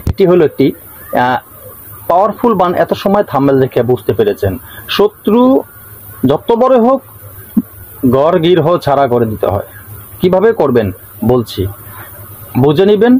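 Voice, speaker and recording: A man with a Bengali accent hosting his channel, explaining a ritual to viewers in a repetitive, drawn-out way. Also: fairly high pitch, very animated, warm tone, poor audio. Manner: repetitive, draws out words slowly when reciting. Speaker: channel host teaching folk rituals. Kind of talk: casual instructional talk to viewers.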